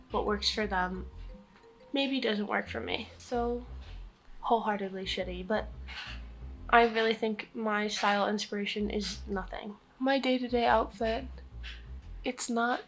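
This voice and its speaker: A woman's voice: mid-range voice, fairly even intonation, a little slow, faint music behind. A young American woman chatting casually and candidly in a Q&A vlog, self-deprecating and swearing freely. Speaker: vlogger.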